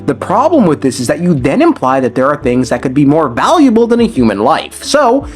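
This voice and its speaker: A man's voice: a little high, huge pitch swings, a little fast, faint music behind. A man giving casual commentary on game lore, speaking in a conversational way with slangy asides. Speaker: lore video creator.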